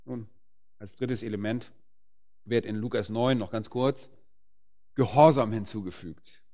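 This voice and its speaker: Emphatic male preacher. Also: fairly low pitch. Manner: emphatic, rising to forceful peaks on key phrases; slows down to stress words. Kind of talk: sermon.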